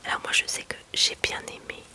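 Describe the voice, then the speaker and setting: A woman speaking in a soft library whisper as an ASMR host, presenting books in a chatty way and reading passages aloud. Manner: unhurried, chatty delivery mixed with reading aloud.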